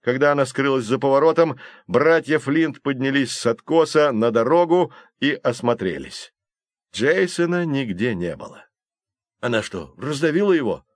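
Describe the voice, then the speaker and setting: A man narrates an audiobook in a steady, expressive reading. His voice sits at a middle pitch in a dry, close recording. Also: moderate pace, no room sound. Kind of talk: scripted narration.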